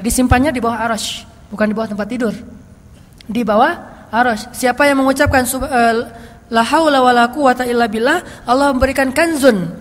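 A woman giving a casual religious study talk as a preacher, telling stories in a lively, chatty way. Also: high-pitched. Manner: lively storytelling, chatty asides. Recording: long hall reverb.

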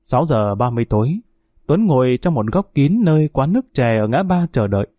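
A man narrating a story in a steady, measured audiobook style. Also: mid-range voice, no echo, lo-fi sound.

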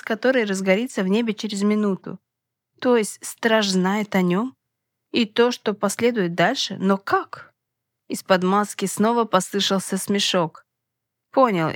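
A woman's voice: medium pitch, no room sound, clean studio sound. A woman reading a first-person fantasy audiobook, with dramatic, tense storytelling. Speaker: audiobook narrator.

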